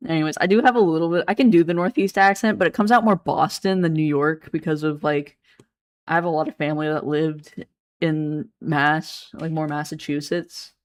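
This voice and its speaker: Low-voiced woman chatting on a game stream. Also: fairly even intonation, normal speed. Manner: playful, rambling, laughs often. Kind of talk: casual game stream chat.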